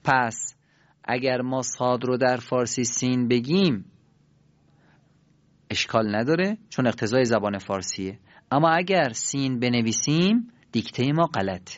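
A man's voice: medium pitch, no echo. A man teaching pronunciation in a patient spoken lesson, repeating and demonstrating sounds for his listeners. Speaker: Quran recitation teacher. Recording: dull, dry, lo-fi recording.

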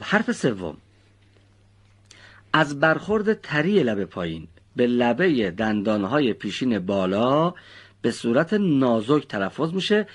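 A man's voice: mid-range voice, husky. A man teaching children how to pronounce Quran recitation letters. He explains patiently and precisely and praises his students often.

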